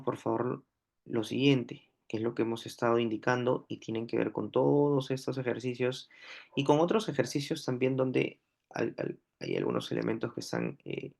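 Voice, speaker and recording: A male language teacher with a Peruvian Spanish accent gives a grammar lesson, speaking slowly and deliberately and saying each example word aloud. His voice is medium-pitched and creaky.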